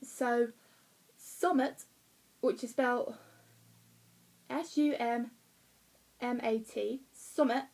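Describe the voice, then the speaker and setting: Woman, slightly high voice, rambling home vlog chat full of ums and restarts. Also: steady tone, slow, vocal fry, long pauses, a little mellow, low-quality recording. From Essex, England. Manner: rambling, many fillers and restarts, laughs at herself. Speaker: vlogger reviewing a play. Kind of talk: casual chatty review. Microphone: phone or webcam.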